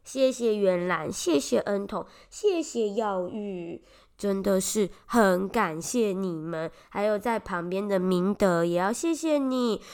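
A young woman kindergarten teacher with a Taiwanese Mandarin accent tells a casual, animated story, full of exclamations. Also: mid-range voice, slow pace, smooth. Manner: animated, exclamatory, often voices children's lines.

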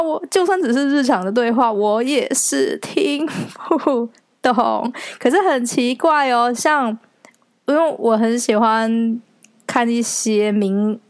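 A woman's voice: medium pitch, no echo. Chatty Taiwanese woman podcaster, dry close mic. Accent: Taiwanese Mandarin. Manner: chatty, animated storytelling with frequent laughs. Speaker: podcast host. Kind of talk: casual solo podcast talk.

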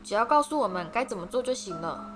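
A woman's voice: mid-range voice, animated, quick pace, close to an everyday voice. A woman voicing a nervous young schoolboy wizard who speaks tensely and hesitantly, over background music. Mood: earnest.

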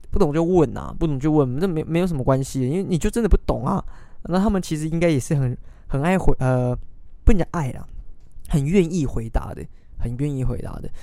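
Hesitant man with a mellow voice. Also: medium pitch, no echo. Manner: hesitant, many fillers and restarts. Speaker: podcast host. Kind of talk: casual solo chat.

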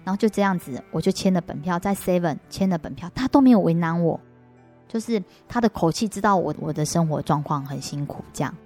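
A woman with a Taiwanese Mandarin accent speaks in a fairly low voice as an interview guest. She tells her faith testimony earnestly, often restarting her sentences, while soft music plays faintly behind her. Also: lively intonation, fairly quick.

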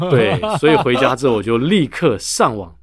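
A man's voice: medium pitch, animated, moderate pace, slightly rough, dry recording, studio quality. Taiwanese man hosting from behind a face mask. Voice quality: speaking through a face mask. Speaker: podcast host. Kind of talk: casual podcast conversation.

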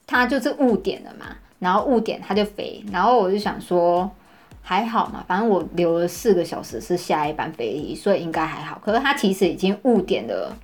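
A woman co-hosting a podcast, telling a story in an animated, casual way and often laughing. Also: fairly low pitch, fairly quick. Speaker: podcast co-host.

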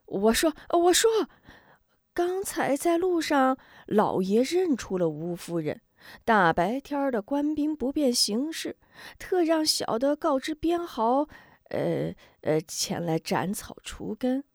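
A woman's voice: high-pitched, big pitch swings, slow, a little mellow, no echo, clean studio sound, voice pushed up, exaggerated voice. A woman doing a stammering cowardly henchman. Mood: pleading, panicky. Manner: stammering, full of "uh" fillers.

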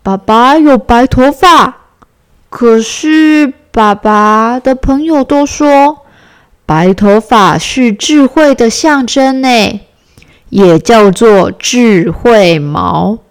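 A woman voicing a gentle, teasing father bear in a children's bedtime story. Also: a little high, animated, very slow, smooth, voice pushed up, exaggerated voice. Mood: sleepy.

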